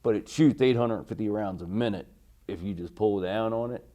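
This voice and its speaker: Mellow, low-voiced American veteran remembering. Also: male voice. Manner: veteran remembering, halting recall with deferential politeness. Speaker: military veteran being interviewed. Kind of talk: oral history interview, recalling army service.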